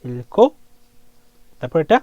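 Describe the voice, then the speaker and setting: A man teaching a casual language lesson, patiently repeating words slowly and checking that his student follows. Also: no room sound, lo-fi sound. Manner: asks checking questions.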